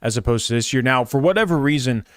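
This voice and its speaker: A man co-hosting a college football podcast, relaxed and thinking out loud. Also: mid-range voice, fast, clean tone, no echo, studio quality. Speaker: co-host. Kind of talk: casual sports podcast chat.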